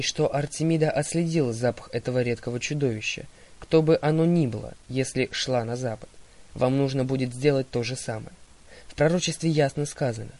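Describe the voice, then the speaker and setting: A man playing a calm wise old centaur. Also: medium pitch, close to an everyday voice.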